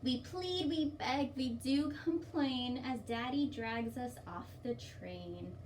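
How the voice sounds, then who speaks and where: A woman with a high, slow, slightly dark voice hosts story time for young children, reading a picture book aloud and adding simple, encouraging explanations and questions. The mic is distant, with faint background noise.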